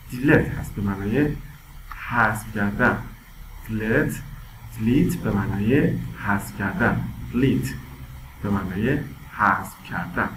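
A man's voice: mid-range voice, a bit bright. A man teaching English vocabulary to schoolchildren, stressing and drawing out each word's pronunciation and checking in with frequent questions. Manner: drawn-out, stressed word pronunciation with rising emphasis; repeats and quizzes with frequent "okay?". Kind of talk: vocabulary lesson for children. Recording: roomy with faint background noise.

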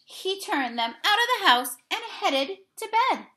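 A young adult woman with a very high, sing-song, pushed and bright voice performs a children's story in a small room. She reads deliberately and expressively, addressing the young audience with teacher-like questions.

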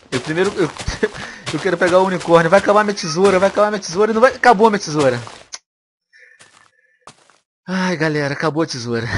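A young man with a Brazilian accent commentating a game he is playing, animated and quick to squeal and laugh. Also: fairly high pitch, a little hiss or hum. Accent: Brazilian Portuguese. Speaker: gaming video host.

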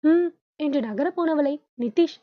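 A woman's voice: sits high, moderate pace, no room sound. A woman narrating a novel as an audiobook, reading steadily, on a dull lo-fi recording.

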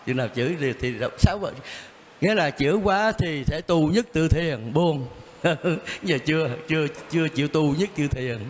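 A man's voice: fairly high pitch, normal speed. An older man, a Zen teacher answering questions in a blunt, casual way, chuckling and repeating himself. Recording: reverberant room, faint background noise.

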